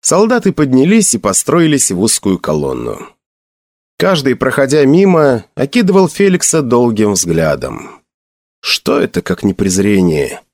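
A man reading a fantasy novel aloud as narrator, with expressive intonation. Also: mid-range voice, measured pace, dry recording, studio quality. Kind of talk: audiobook reading.

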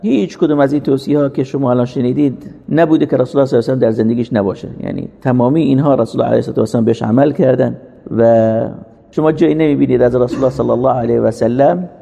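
A man's voice: mid-range voice, gravelly, warm tone. A man giving a religious lecture, earnest, asking and answering rhetorical questions. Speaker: religious teacher. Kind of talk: sermon-style lecture. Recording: long hall reverb.

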